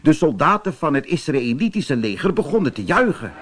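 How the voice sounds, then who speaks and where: A Dutch man reading a children's story aloud, dramatic and expressive. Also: fairly high pitch, fairly quick, slight background noise. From Netherlands. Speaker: narrator. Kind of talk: audiobook fairy-tale narration.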